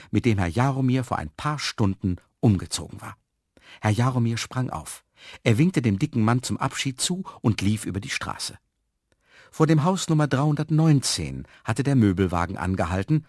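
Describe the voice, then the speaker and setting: A man reading a children's story aloud with expressive, lively storytelling. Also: medium pitch, dry recording, studio quality. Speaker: narrator.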